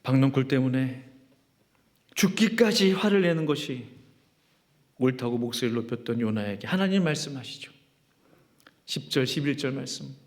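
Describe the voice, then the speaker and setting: A man's voice: medium pitch, animated, normal speed, long pauses, darkish tone. A man preaching a sermon as pastor, emphatic and full of rhetorical questions. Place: church sanctuary.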